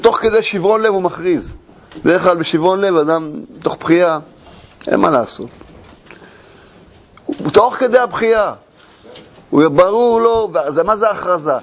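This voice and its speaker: A man teaching as a Torah teacher, retelling a tale in an expository lecture, animated and full of rhetorical questions and repeated phrases. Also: sits high.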